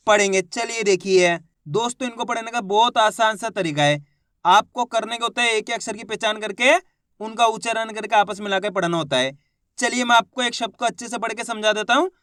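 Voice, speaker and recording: A man teaching children's reading, sounding out words slowly syllable by syllable and checking that listeners follow. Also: high voice, sharp tone, dry recording, clean studio sound. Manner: slow syllable-by-syllable drilling, repeats checks. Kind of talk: online reading lesson.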